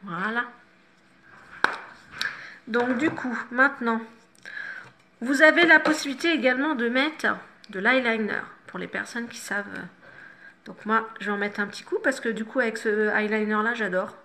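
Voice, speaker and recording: A middle-aged woman with a higher-than-average, vivid voice walks viewers through a makeup tutorial. She stays chatty and instructive, tossing in self-mocking asides. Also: normal speed, pauses often, pushed and bright. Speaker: makeup vlogger.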